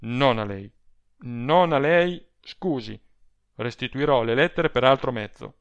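Man reading as a stiff, proud gentleman. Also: mid-range voice, animated, muffled recording. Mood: firm. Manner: measured, formal, resolute. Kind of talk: audiobook character reading.

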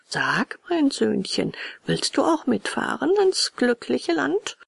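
Woman doing a sly chubby coachman, soft purring coax, husky edge. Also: medium pitch, huge pitch swings, normal speed, no room sound, studio quality, heavily acted. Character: fat sweet-talking little coachman, sly and cruel. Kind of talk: storybook narration.

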